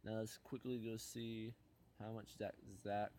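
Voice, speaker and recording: A man's voice: fairly low pitch, level tone, a little slow, darkish tone, a little hiss or hum. A young man hosting a gaming channel, opening card packs in casual commentary and muttering dejected complaints about his pulls.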